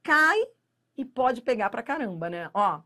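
A woman with a Brazilian accent gives a grammar lesson aimed at exam takers, her voice sitting a little high for a woman. She speaks directly to the viewer, drawing out the key words slowly and then hurrying through the explanations around them. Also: big pitch swings, sharp tone. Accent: Brazilian Portuguese. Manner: emphatic, drawn-out stressing of key words, direct address to the viewer. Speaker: Portuguese grammar teacher. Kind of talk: exam-prep lecture to camera.

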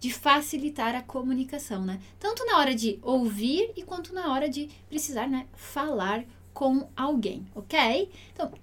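Teaching Italian in an online class, this Brazilian Portuguese-accented woman is clear, patient, and very animated, repeating words slowly for pronunciation practice in a high, slightly bright voice.

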